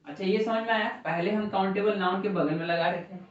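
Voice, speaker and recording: A male English teacher with a high, steady voice talks fast through a grammar lesson, quizzing students and repeating their responses. The classroom recording is far-off, echoey and dull.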